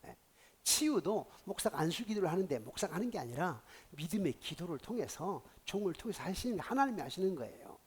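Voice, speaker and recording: A male pastor preaching a sermon, telling a story with dramatic swings from hushed tones to loud outbursts. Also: sits high, sing-song, brisk, slightly rough.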